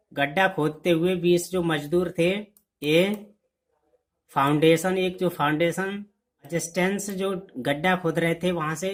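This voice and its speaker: A woman with a low, unhurried voice and an Indian English accent leads a newspaper reading lesson. She reads each English phrase slowly, then explains it in Hindi. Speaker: English teacher.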